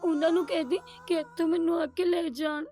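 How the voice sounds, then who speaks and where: An actress playing a lonely, frightened young bride with a Punjabi accent, speaking timidly through tears. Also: female voice, extremely high pitch, flat delivery, a little fast, soft background music. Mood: tearful. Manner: timid, soft, tearful.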